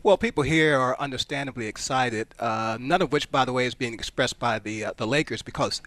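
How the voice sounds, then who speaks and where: A man's voice: medium pitch, fairly quick, fairly bright tone, no echo. A man reporting on a sports story in a thoughtful, conversational way. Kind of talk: live remote report.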